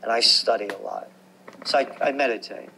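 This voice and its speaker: A man, telling stories about his life as a guest in an animated, emphatic way. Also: medium pitch, brisk, vocal fry, a little hiss or hum, low-quality recording. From New York. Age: 60s. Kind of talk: conversational storytelling.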